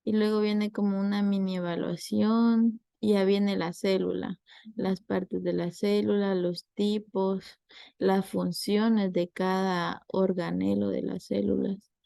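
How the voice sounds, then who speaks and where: A woman's voice: mid-range voice, flat delivery, slow pace, gravelly, mellow, no room sound. A young woman, tutoring a class and patiently explaining step by step with examples.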